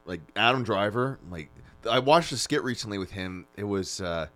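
A man co-hosting a podcast, casually retelling comedy sketches in an animated way. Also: on the low side, normal speed, soft background music. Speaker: podcast co-host. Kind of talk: casual chat.

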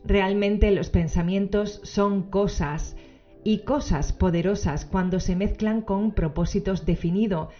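A woman's voice: mid-range voice, mellow. Woman podcast host, dull lo-fi recording. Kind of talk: solo podcast book summary, semi-scripted narration. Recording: dull lo-fi audio, faint music behind.

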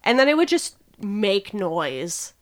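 A woman hosting a podcast in natural, unscripted casual talk, informal and self-deprecating, quick to laugh. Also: medium pitch, sing-song, over a noisy crowd. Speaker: podcast host.

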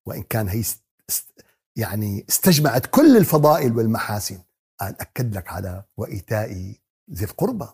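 Fast, gravelly man teaching. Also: mid-range voice. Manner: asks the audience rhetorical questions and answers them himself; talks to the audience as "beloved ones" in a warm teaching tone. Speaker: Quran teacher. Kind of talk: Quran commentary lesson.

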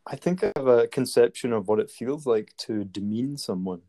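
A man's voice: mid-range voice, moderate pace, dark tone. A man talking casually and rambling, with many fillers and restarts. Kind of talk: casual conversation.

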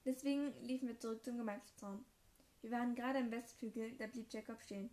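A woman reading her own first-person fan fiction story aloud in a plain, even narrating voice. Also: a little high, fast.

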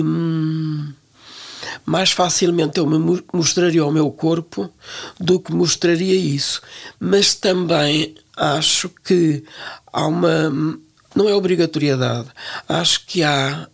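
Older woman guest, European Portuguese accent, husky and hesitant, thinks aloud. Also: deep voice, fairly even intonation, takes it slowly. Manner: reflective, frequent hesitations and restarts. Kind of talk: relaxed interview conversation.

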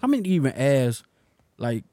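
A man's voice: medium pitch, very animated, unhurried, dark tone, no room sound, studio quality. A young man co-hosting a casual podcast, ranting bluntly, swearing and laughing often. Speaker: podcast co-host.

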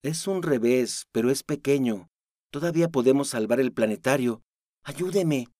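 An earnest professor who pleads in a plain, middle-pitched voice. A man voices him in an audiobook. The room is dry and close. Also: normal speed, dark tone, no echo, lightly acted. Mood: pleading.

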